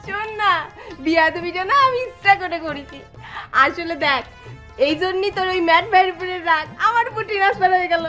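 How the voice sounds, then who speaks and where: A woman's voice: very high voice, a little fast, bright, forceful tone, soft background music. An actress playing a cheeky younger sister who teases her elder sister. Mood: teasing. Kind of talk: rural comedy drama acting.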